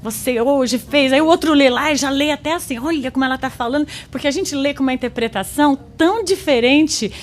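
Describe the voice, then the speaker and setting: A middle-aged woman giving a live lecture on relationships, acting out quoted dialogue with animated laughter. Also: high-pitched, a little hiss or hum.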